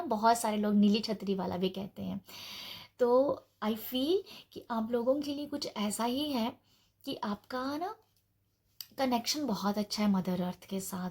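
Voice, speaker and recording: A woman giving a casual pick-a-card tarot reading, gentle and reassuring, thinking aloud with soft fillers. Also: medium pitch. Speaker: tarot reader.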